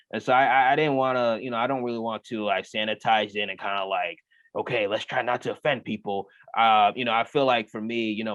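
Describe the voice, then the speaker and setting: Speaking with a fairly low pitch, this young comedian from the United States handles an interview casually and leans heavily on fillers like "uh" and "you know." His remote audio is dry and muffled, with no room sound at all.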